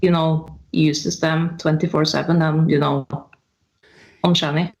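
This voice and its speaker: A woman co-hosts a casual reaction stream, speaking slowly and somewhat low. She talks haltingly, full of fillers. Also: little pitch movement, a little mellow, highs cut off.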